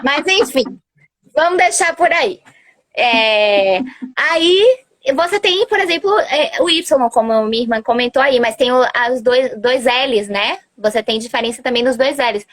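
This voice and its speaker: Woman teacher on a live call, raised in bahia, bit high voice, spells out sounds as she goes. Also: expressive, measured pace, a bit bright. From Argentina, grew up in Bahia, Brazil. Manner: explains pronunciation by spelling out sounds, laughs often. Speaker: Portuguese and Spanish teacher, guest. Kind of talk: casual chat on an Instagram live. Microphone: phone or computer on a video call.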